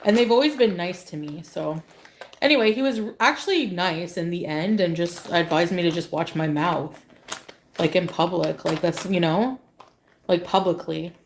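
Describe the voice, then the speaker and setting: A woman's voice: fairly low pitch, moderate pace, slight background noise. A woman vlogger telling a story casually, rambling and swearing, with constant filler words. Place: clip from her own video.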